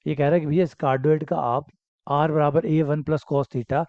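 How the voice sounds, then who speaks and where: Male math lecturer, fairly high voice, patient, repeats himself, poses and answers his own questions, dry lo-fi recording. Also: steady tone, normal speed, darkish tone, no room sound. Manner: repetitive, encouraging, asks and answers own questions. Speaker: math teacher. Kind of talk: explanatory lecture.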